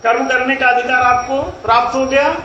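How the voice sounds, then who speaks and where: A man's voice: very high-pitched, fairly even intonation, moderate pace, bright, forceful tone, dull audio. A man, a spiritual teacher, giving an emphatic, explanatory discourse that repeats phrases for effect. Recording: echoey room, faint noise.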